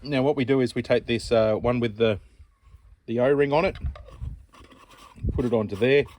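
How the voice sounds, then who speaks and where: A man hosting an outdoor channel, casually demonstrating a camp stove in a relaxed, rambling, chatty way. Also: mid-range voice, moderate pace.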